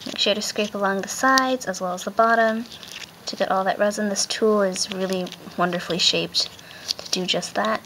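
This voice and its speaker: A woman's voice: medium pitch, fairly bright tone. A woman hosting a casual hands-on craft tutorial, talking step by step while she works, her voice muffled by a face mask. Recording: clear background noise, handling clicks.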